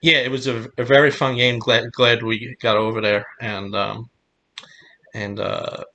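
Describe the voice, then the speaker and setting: Bright-voiced man chatting about games. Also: mid-range voice, unhurried. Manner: relaxed, many "you know" fillers. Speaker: podcast co-host. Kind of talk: casual sports talk.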